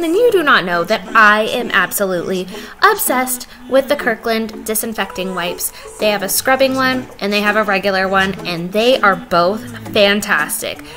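This young vlogger narrates her home cleaning footage in a voice-over set against loud music. Her pitch sits fairly high, her pace is moderate, and she keeps things chatty and cheerful while poking fun at herself.

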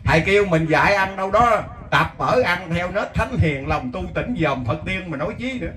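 A man with a Southern Vietnamese accent giving a folksy lay Buddhist sermon, telling stories and chanting verses slowly. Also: sits high, expressive, fairly bright tone. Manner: storytelling, recites verses in a slow chant. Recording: echoey, distant mic, faint hiss.

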